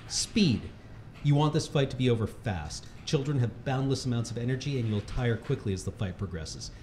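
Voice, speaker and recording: At a charity livestream, a man reads a funny article aloud as if giving serious instructions, often cracking up with laughter. His mid-range voice has lively intonation, a moderate pace, and a darkish tone. The room echoes, with faint background noise.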